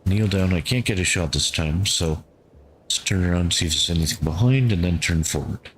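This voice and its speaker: A man giving calm gameplay commentary, thinking aloud and talking to his squad as he plays. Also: low voice, brisk, a little hiss or hum. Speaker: gameplay streamer.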